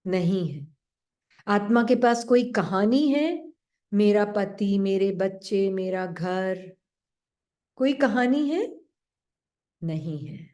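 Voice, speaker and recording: A woman giving a gentle spiritual talk to an online class, asking her listeners questions and dropping into a low voice to act out the doubting mind. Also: expressive, slow pace, pauses often. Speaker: spiritual teacher.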